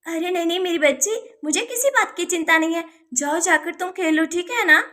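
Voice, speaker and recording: A woman voicing a caring village mother in a doll storybook, talking softly and reassuringly. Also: very high-pitched, brisk. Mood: weak. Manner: soft, reassuring, sighing.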